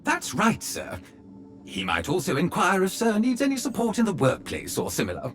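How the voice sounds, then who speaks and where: Fawning polite butler robot. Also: male voice, high-pitched, huge pitch swings, normal speed, fairly bright tone, soft background music, full character voice. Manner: obsequious, formal, calls everyone sir. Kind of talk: video game voice acting.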